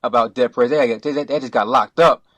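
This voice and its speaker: A middle-aged man from Brooklyn, a podcast guest who talks in a relaxed, rambling way, full of restarts and you-knows. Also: medium pitch, moderate pace, no echo. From Brooklyn, New York. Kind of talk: casual interview.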